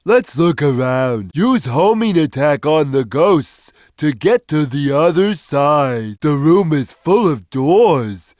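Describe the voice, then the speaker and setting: A man voicing a big, gentle, slow-witted cat in a video game, with a simple, childlike, drawn-out delivery. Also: on the high side, expressive, dry recording, clean studio sound. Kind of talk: video game character voice lines.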